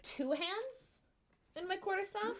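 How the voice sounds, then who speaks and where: A woman playing a tabletop game on a live stream, reacting loudly to every roll with laughter and swearing. Her voice sits high and swings widely in pitch. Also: slow, crowd noise. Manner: excitable, laughing and swearing at her dice rolls. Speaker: player.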